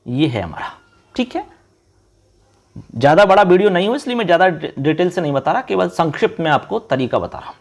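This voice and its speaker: Male tutor, higher-pitched voice, coaxing students with questions and slow, drilled repetition of terms. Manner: addresses viewers as friends, quizzes them; repeats key terms slowly. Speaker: teacher. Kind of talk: online exam-prep lesson.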